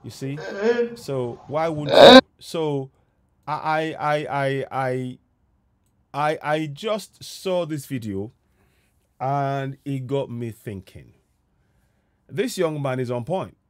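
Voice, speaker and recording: Wearing a headset in a room at home, a middle-aged Nigerian host of Yoruba background offers earnest, reflective commentary on a video shown on his online show, repeating phrases to stress them. He speaks slowly at medium pitch, with long pauses, and the audio is dry and studio-clean.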